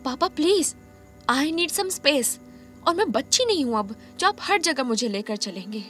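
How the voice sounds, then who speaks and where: A woman's voice: very high voice, unhurried, vocal fry, darkish tone, soft background music, pitched above the performer's own voice, heavily acted. A woman voicing a frightened young woman who cries, stammers and pleads. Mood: defiant. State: crying. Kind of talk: dramatic storytelling.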